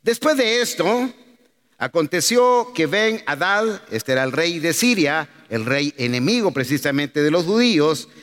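A man's voice: fairly high pitch, sing-song, normal speed, hardly any pauses, a bit bright. A man preaching a sermon, calling out emphatically and asking rhetorical questions. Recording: long hall reverb.

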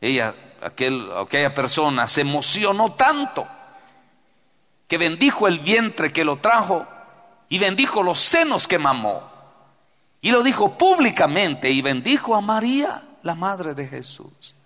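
Male preacher, slightly high voice with a wide melodic range, sermon delivered in an echoing church hall. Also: big pitch swings, unhurried. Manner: impassioned preaching, swinging from loud cries to hushed prayer. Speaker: pastor. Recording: long hall reverb.

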